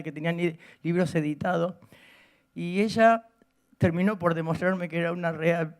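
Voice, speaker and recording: A woman in her fifties with an Argentine accent gives candid personal testimony in blunt, slangy, unhurried storytelling. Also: fairly low pitch, darkish tone. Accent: Argentine Spanish. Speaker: speaker sharing her life story. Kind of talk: personal testimony told to a live audience.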